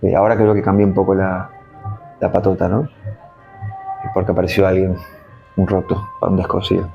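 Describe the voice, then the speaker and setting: A man with a Rioplatense Spanish accent talks in a low, unhurried register as an interview guest. He muses and wanders between thoughts, leaning on "¿viste?" to keep the listener with him. Soft music plays faintly underneath. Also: completely flat delivery, gravelly, lo-fi sound. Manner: reflective, meandering, peppers speech with "¿viste?". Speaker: guest artist. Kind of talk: casual interview chat.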